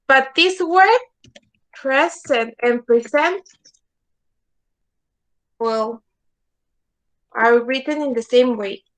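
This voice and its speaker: Slow careful woman teaching english online, high voice, repeats herself a lot. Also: fairly bright tone, poor audio. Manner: patient, repeats words and asks "okay?" often. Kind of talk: online class lesson.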